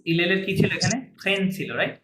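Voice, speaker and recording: Man, language teacher, patient, repeats words, higher voice, echoey room, faint hiss. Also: flat delivery, a little fast. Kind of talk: classroom lesson.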